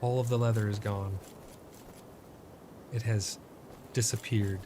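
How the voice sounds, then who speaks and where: A man's voice: on the low side, steady tone, slow, background noise. A man giving casual gameplay commentary, often exasperated and swearing at his bad luck while crafting. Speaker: gameplay streamer.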